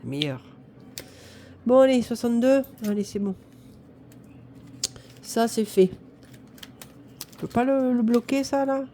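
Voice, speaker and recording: A woman's voice: a little high, expressive, slow pace, pauses often, mellow, a little hiss or hum. A woman in her fifties from northern France, chatting to the camera and counting aloud as she does her budget, with a self-mocking manner. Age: 50s. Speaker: budget vlogger. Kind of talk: casual talk to camera while doing budget envelopes.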